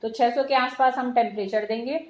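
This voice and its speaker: A woman's voice: a little high, fairly even intonation, brisk. A middle-aged woman teaching a chemistry class, explaining patiently and mixing in English terms. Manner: explains patiently, mixes English terms, calls students beta. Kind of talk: classroom lecture. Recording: echoey room with faint noise.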